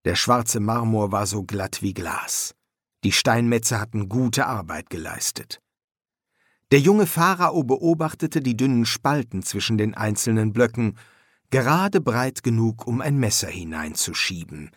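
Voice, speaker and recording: A male audiobook narrator reading at an unhurried, deliberate pace. His mid-pitched voice moves expressively up and down, recorded close and dry with no room sound. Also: lively intonation, dry recording. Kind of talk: scripted narration.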